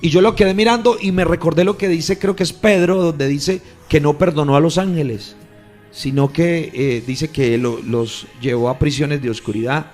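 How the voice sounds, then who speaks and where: A man, a pastor earnestly recounting a testimony on a radio program, his storytelling swelling louder at key moments. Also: a little high, fairly even intonation, normal speed, faint music behind. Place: radio studio.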